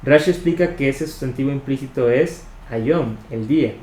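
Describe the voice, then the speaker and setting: A man reading a religious commentary aloud in a measured, explanatory way, slowly spelling out Hebrew terms. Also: mid-range voice, darkish tone. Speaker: Torah study reader. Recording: echoey room with faint noise.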